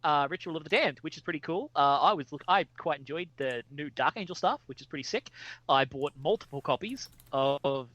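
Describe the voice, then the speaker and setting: A man co-hosting a casual podcast, animated and rambling, who swears casually. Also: on the high side, brisk, no echo, lo-fi sound. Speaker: podcast co-host.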